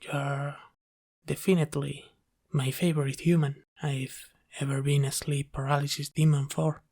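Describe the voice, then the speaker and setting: Tender and reassuring, a man acts as a kind sleep paralysis demon comforting his human in a soft-spoken ASMR roleplay. His voice is a little high and level in tone, at a normal speed.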